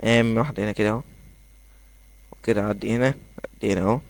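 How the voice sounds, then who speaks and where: A young man with an Egyptian accent giving excitable, rambling commentary as he plays a game in his bedroom. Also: on the low side, vocal fry. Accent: Egyptian Arabic. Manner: excitable, rambling, quick asides. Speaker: gaming YouTuber. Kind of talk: casual gameplay commentary.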